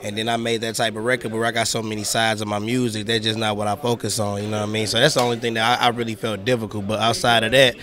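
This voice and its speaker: A man's voice: fairly low pitch, flat delivery, quick pace, hardly any pauses. A male rapper giving a casual, slangy interview, peppering his talk with conversational tag phrases. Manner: slangy, full of 'you know what I mean' tags. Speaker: rapper and musician being interviewed. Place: music awards event.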